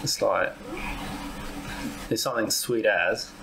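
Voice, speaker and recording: A man's voice: fairly low pitch, takes it slowly, creaky, over music. A man, co-hosting a travel podcast in casual chat, playful and self-mocking as he guesses. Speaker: podcast co-host. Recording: noisy recording.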